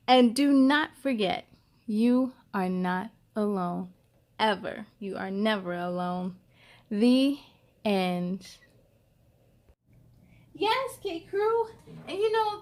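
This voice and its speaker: A woman with a slightly high, somewhat mellow voice hosts a children's story time. She reads aloud expressively, adds chatty asides, and speaks encouragingly straight to her young listeners.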